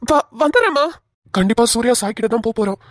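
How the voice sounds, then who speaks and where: A woman's voice: on the high side, big pitch swings, fast talker, no room sound, studio quality. Woman voicing an urgent stammering young man.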